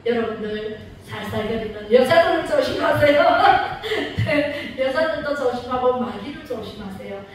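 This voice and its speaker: A woman's voice: on the high side, lively intonation, unhurried. A woman pastor preaching a sermon in a church, storytelling with energy and asking the congregation questions. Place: church sanctuary. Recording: very echoey church hall, distant mic, faint noise.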